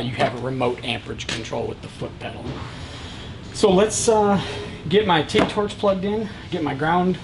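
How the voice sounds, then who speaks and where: A man's voice: on the high side, vocal fry, background noise. A man in his thirties casually demonstrating welding equipment in a large warehouse, speaking plainly with lots of "uh" and "um" fillers. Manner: relaxed, plain-spoken, many "uh" and "um" fillers. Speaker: welding supply product reviewer.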